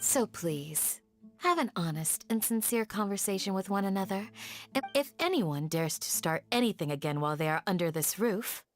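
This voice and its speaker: A woman's voice: mid-range voice, expressive, normal speed, soft background music, lightly acted. An actress playing a polite, protective female village guardian who speaks formally and firmly in video game dialogue. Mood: composed. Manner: formal, gentle but firm.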